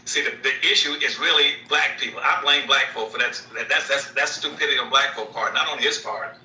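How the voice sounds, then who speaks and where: Guy lecturing hard, super bright edgy voice, sounds far off in a roomy space. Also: mid-range voice, a little fast, slight background noise. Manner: forceful, repeats key phrases. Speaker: guest. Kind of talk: emphatic lecturing. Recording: roomy sound, away from the mic.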